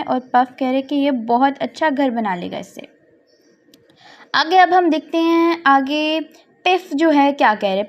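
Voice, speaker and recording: A woman teacher narrates a tutorial over slides, going slowly and patiently. Her voice sits high. She repeats every question and translates each English line into Hindi as she goes. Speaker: teacher explaining quiz answers.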